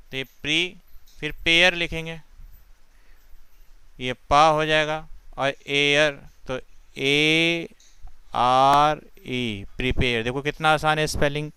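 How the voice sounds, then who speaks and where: Slow, patient Hindi-accented phonics teacher. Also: male voice, a little high, sharp tone, clean tone, dry recording. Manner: slow, patient, sounds out letters one by one. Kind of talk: spelling lesson explained step by step.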